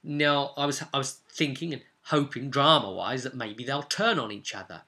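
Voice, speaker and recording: A man with a medium-pitched, sharp-toned voice and a moderate pace recounts his tabletop session as game master. He tells it informally, explaining with emphatic, repeated phrases.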